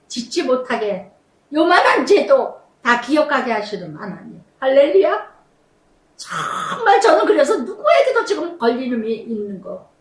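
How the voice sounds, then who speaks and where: Animated woman pastor preaching. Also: high voice. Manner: animated storytelling, dramatic slow emphasis on repeated phrases. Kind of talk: sermon with personal testimony. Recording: echoey room, mic at a distance.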